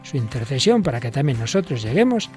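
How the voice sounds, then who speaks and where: A man hosting a religious program, reading a story in a calm, measured narration. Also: medium pitch, faint music behind. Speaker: host of religious radio program.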